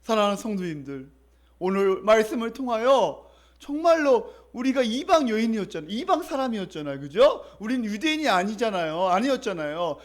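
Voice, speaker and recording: A man with a notably high-pitched voice delivers a sermon as pastor. He talks in an easy, storytelling manner, stopping often to put questions to the congregation and lead them in reading back lines. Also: big pitch swings, fairly quick. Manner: conversational storytelling, quizzes the congregation; leads call-and-response readings.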